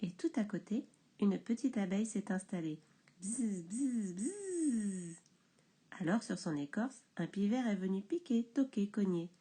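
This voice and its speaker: A woman reading a picture book aloud to young children, expressive and soft in places. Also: mid-range voice, moderate pace.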